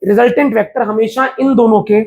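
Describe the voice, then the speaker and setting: A man's voice: sits high, steady tone, fairly quick, gravelly, darkish tone. Chatty male physics teacher quizzing his class. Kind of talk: live classroom lecture. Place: classroom with students.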